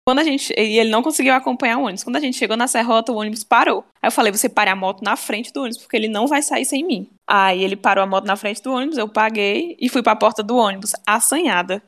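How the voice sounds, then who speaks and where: Fast-talking Cearense woman telling a story. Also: fairly high pitch. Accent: Cearense Brazilian Portuguese. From Ceará, Brazil. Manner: animated, acts out dialogue, fast. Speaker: storyteller guest. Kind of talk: casual storytelling chat.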